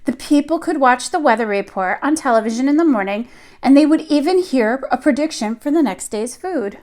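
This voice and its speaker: Reading a picture book to little kids in a storytime teacher's manner, a woman gives each phrase careful, deliberate expression. Her high voice is expressive and a little mellow.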